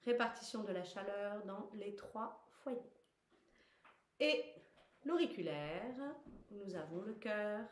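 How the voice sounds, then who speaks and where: A woman leading a guided self-massage lesson, giving calm step-by-step instructions and explaining as she goes. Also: medium pitch, slow, pauses often. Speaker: wellness instructor. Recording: roomy echo.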